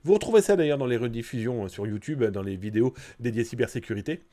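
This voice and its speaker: A man's voice: medium pitch, animated, fast talker, warm tone. A man with a blocked, nasal nose, hosting a live news stream in a casual, chatty way, speaking straight to his viewers. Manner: chatty, informal, directly addressing viewers.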